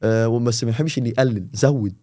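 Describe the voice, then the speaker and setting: Fast-talking Egyptian teacher, dark voice. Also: male voice, medium pitch. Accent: Egyptian Arabic. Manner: animated, explains with quick examples. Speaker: English teacher, podcast guest. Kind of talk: casual podcast chat.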